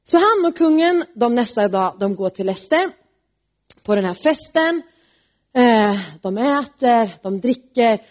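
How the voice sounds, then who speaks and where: A woman casually retelling a Bible story, chatty and lively. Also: a little high.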